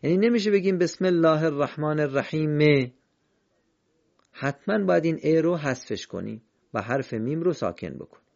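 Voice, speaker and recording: A man teaching the rules of Quran recitation in a patient, step-by-step way, slowly chanting example verses. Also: a little high, expressive, vocal fry, a little mellow, dull audio. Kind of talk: recorded lesson on recitation rules.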